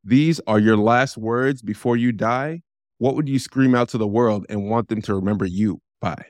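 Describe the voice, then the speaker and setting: A man's voice: medium pitch, normal speed, a little mellow, dry recording. A man co-hosting a podcast interview, talking in a loose, rambling way with many restarts. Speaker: podcast co-host.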